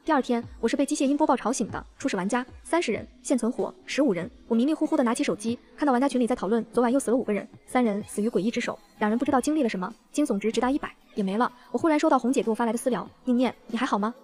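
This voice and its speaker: A woman narrating a comedic first-person novel as an audiobook, brisk and lively. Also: fairly high pitch.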